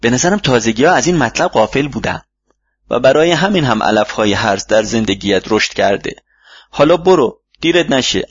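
A man's voice: medium pitch, no room sound, close to an everyday voice. A man reading as a patient old mentor. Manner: calm, instructive, fatherly. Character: wise older male mentor gardener, patient. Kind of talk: audiobook reading. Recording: dull lo-fi recording.

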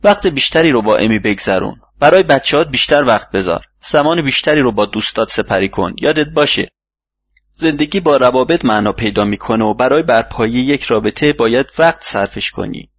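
Patient fatherly mentor read by a man, husky voice, dull dry recording. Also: medium pitch. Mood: advising. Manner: calm, instructive, fatherly. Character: wise older male mentor gardener, patient. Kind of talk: audiobook reading.

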